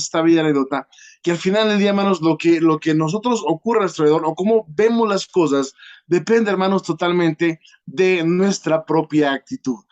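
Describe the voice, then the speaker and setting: A man's voice: on the high side, a little mellow. Earnest man preaching a sermon. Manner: peppers nearly every phrase with a direct address to the congregation; earnest, with drawn-out pauses and filler sounds. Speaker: guest preacher.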